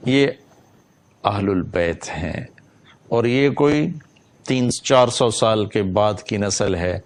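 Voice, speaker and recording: A male preacher with a lowish voice retells a story during a sermon. His delivery is reverent and emphatic, and he dwells on the key moments.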